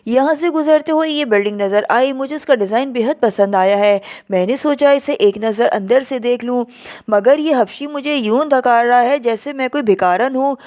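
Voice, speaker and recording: A woman voicing a cunning foreign woman posing as a building designer, soft-spoken but insistent. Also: on the high side, lightly acted.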